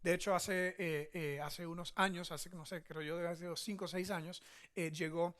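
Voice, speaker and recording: A man's high, steady, slightly bright voice carries a teaching sermon at normal speed. The speaker is a pastor with a Venezuelan Spanish accent who keeps things conversational and often checks in with brief tag questions.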